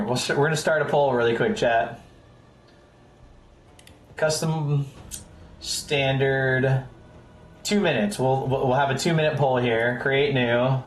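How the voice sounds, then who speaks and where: A man in his thirties streams a game and talks loosely to his chat in an easygoing, rambling way. His pitch sits in an ordinary middle range. A faint hiss of noise runs under his voice. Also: roomy sound. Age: 30s. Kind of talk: casual live gameplay commentary.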